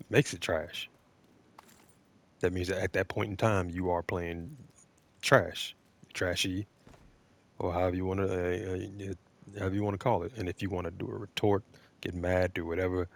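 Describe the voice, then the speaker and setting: Deep-voiced man, blunt gaming commentary. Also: flat delivery, measured pace, long pauses. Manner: blunt, opinionated, defensive. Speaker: gaming video creator. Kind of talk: off-the-cuff video game commentary.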